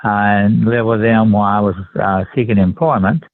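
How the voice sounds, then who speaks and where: An elderly man in his 70s from rural Texas, with a Texan accent, is an interview guest heard over a tinny phone line. Politely and deliberately, with halting pauses, he shares personal recollections in conversation. His low voice has fairly even intonation, and the recording is dry.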